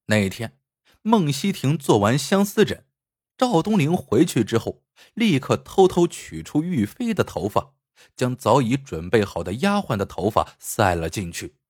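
A man telling a traditional folk tale in an expressive, rising and falling storytelling voice. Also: mid-range voice, measured pace, no room sound, clean studio sound.

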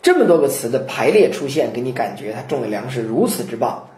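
Animated male chanting teacher, roomy echo. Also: medium pitch, a little fast. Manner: animated explanation with chanted verse examples. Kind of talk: lecture on chanting classical poetry.

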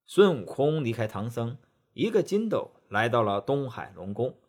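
A man narrating a storybook tale in an expressive, animated way. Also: medium pitch, moderate pace.

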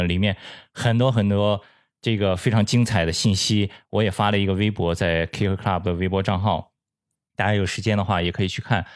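Low-voiced Chinese host, dry sound. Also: male voice, dry recording. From China. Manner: chatty, mixes in English words, halting in English. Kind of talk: casual chat.

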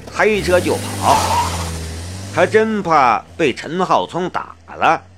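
A man narrating an audiobook with expressive storytelling. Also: on the high side.

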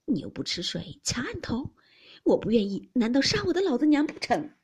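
Woman reader doing a fiery young maid in a storybook reading: high, husky, sharply indignant, swinging wide in pitch. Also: very animated, brisk, darkish tone, heavily acted. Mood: defiant. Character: young maidservant, proud, angry, defiant.

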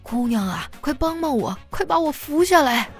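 A woman's voice: medium pitch, very animated, fairly quick, darkish tone, soft background music. A woman voicing a flustered elderly man who strains as he speaks. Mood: pleading. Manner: strained, pleading.

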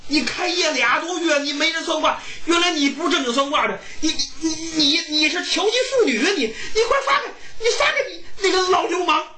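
Storyteller voicing an outraged villager, loud scolding, stammering, lively swoops, folk tale. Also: female voice, very high-pitched, a little fast, few pauses, echoey room, recorded from a distance, pitched above the performer's own voice, full character voice. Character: angry village crowd members, shouting.

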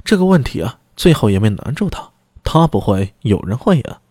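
A man reading a serialized historical novel aloud in a steady storytelling manner. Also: medium pitch, normal speed, breathy edge, no echo, studio quality. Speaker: narrator.

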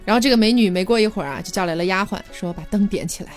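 A woman's voice: medium pitch, very fast. A woman hosting a podcast, casually retelling a classic tale and voicing the characters' lines. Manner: lively retelling with voiced quotes and laughter. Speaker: podcast host storyteller. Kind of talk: casual storytelling. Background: background music.

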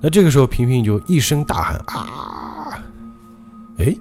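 A male podcast host telling a ghost story in a dramatic, lively way. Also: mid-range voice, fast, faint music behind.

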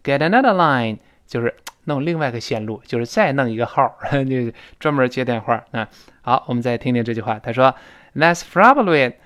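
Male English teacher, mid-pitched voice, animated classroom delivery, drills pronunciation with drawn-out repeats. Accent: Mandarin Chinese. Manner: repeats words slowly, often drawn out, to demonstrate; lively, frequent pitch jumps for emphasis. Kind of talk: spoken English lesson explaining pronunciation.

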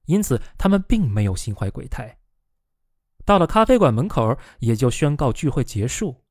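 A man's voice: medium pitch, a little mellow, no echo, clean studio sound. A man reading a novel aloud as narrator, giving the quoted characters a raised voice.

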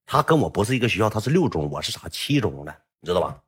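A man's voice: sits low, very animated, rapid-fire, husky. A man telling a comic story about his own life in a colloquial, rambling way.

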